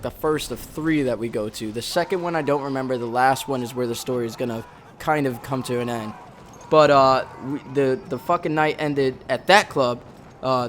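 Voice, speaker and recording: Young man, Bronx-raised ex-Marine, slightly high voice, rambling swear-heavy storyteller. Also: slight background noise. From the Bronx, New York. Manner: rambling, heavy swearing, frequent self-corrections. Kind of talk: casual profane storytelling over gameplay.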